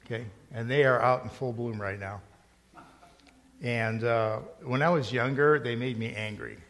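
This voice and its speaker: A man's voice: medium pitch, a little slow, fairly bright tone. A middle-aged male pastor preaching a sermon in a conversational storytelling way, rising to emphatic points. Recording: long hall reverb.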